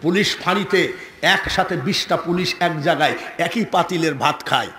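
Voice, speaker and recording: A male preacher with a Bangladeshi Bengali accent, telling a story in a sing-song, chanting way, asking the crowd questions and shouting out lines. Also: fairly high pitch, normal speed. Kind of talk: waz sermon with storytelling. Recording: echoey hall with long reverb.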